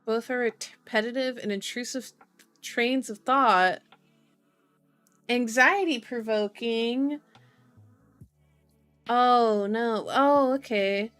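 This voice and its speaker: A woman hosts a casual livestream, reading tarot cards and horoscopes, chatting and musing aloud and drawing out her words. Her slightly high, somewhat bright voice is clean with no room sound, slow with frequent pauses, over soft background music.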